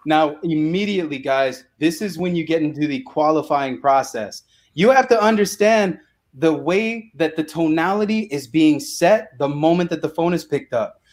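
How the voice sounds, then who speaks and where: A young man, a real estate investor, talking in an energetic, slangy way as an interview guest. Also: a little high, moderate pace. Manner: energetic, slangy, says bro and dude a lot. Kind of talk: casual interview talk.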